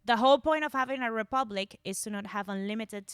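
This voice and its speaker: A woman's voice: fairly high pitch, fast, smooth, no echo, clean studio sound. A young woman co-hosting a casual podcast, laughing often, swearing, and trailing off as she searches for words. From Venezuela. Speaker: podcast co-host. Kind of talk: casual chat.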